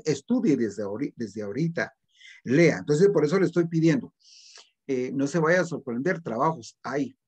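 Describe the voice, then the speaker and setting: A man's voice: mid-range voice, darkish tone, husky. A middle-aged man with a Guatemalan Spanish accent, giving a recorded literature class and earnestly urging his students to read and write well. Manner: earnest, exhorting, addresses students formally. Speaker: literature teacher.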